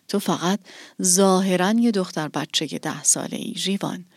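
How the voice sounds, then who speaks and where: A gentle old village elder, as a woman reading a storybook puts him on, speaking low and soft with tender warmth. The sound is close and dry, with no room around it. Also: slightly rough, no echo.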